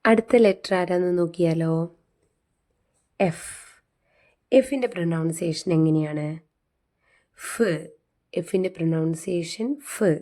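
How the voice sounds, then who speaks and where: Patient woman teacher, slow and low-pitched, spells and repeats words for learners. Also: dark tone. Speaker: English phonics teacher. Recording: faint music behind.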